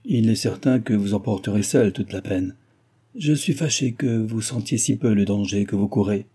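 Reading an audiobook, a man brings to life a classic novel's grave older advisor, sounding stern and admonishing as he warns. The lowish voice is dark and mellow with a husky edge, carrying measured authority.

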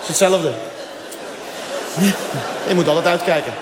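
A man's voice: a little high, measured pace. A man performing a stand-up comedy routine, telling a story in a casual way with asides to the audience, in a live venue hall. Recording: echoey hall sound, faint noise.

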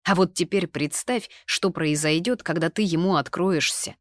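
A woman reading the lines of a lively, stubborn young man in an audiobook, arguing in a brisk way. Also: on the low side, dry recording, studio quality, pitched above the performer's own voice, lightly acted. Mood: heated.

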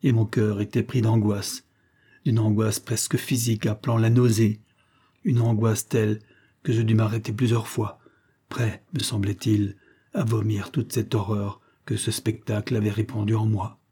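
A man reading a literary story aloud as an audiobook narrator, in a measured, grave way. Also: lowish voice, level tone, mellow, husky. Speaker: audiobook reader.

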